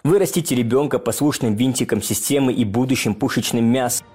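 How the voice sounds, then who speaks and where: A man's voice: medium pitch, brisk, a little mellow, breathy edge, soft background music. A man speaking as an expert, giving grave, warning commentary. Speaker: emigration expert.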